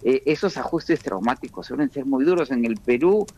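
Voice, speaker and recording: A Peruvian man appears as an economist guest on a radio interview, explaining carefully and at a measured pace while frequently restarting sentences. His mid-pitched voice is animated with a darkish tone, and the sound is lo-fi.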